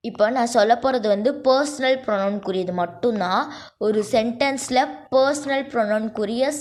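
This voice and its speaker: A woman teaches a grammar lesson as a voice-over on slides. She explains each point step by step and keeps checking that her students follow along. She slows down when she reads out lists of words. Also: mid-range voice. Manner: explains step by step, repeats "okay?" to check understanding; slows down to dictate word lists. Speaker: English teacher.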